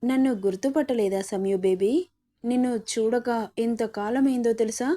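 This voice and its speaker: A woman narrator voices a young male kidnapper in a spoken story, possessive and smug. The voice stays mellow and a touch high, with a sneering, coaxing manner. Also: fairly even intonation, moderate pace, close to an everyday voice.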